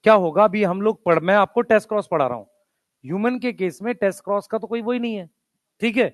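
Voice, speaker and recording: A man lectures a classroom in a fairly high voice and mixes in English technical terms as he explains. He calls his students "beta" and keeps urging them to write it down quickly. The sound is dry and close, with no room echo. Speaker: teacher.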